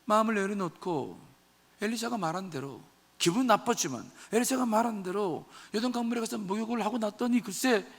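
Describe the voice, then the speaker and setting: A man's voice: sits high, expressive, fairly quick, gravelly, big-room sound. A male pastor preaching a Friday night sermon in a church, firing questions at the congregation. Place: church sanctuary.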